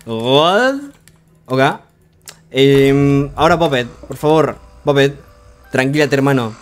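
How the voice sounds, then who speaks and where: A young man giving frantic live commentary on a horror game, urging himself on with rapid repeated words and joking with the game's characters. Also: medium pitch, clean tone. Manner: jokey, talks to the game's characters. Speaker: gaming streamer.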